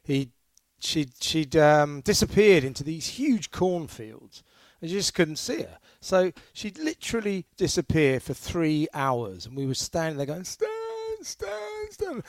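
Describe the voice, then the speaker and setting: Man, British accent, podcast co-host, slightly high voice, dry close sound, hesitant then animated. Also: dry recording. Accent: British English. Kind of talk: casual chat, anecdotes.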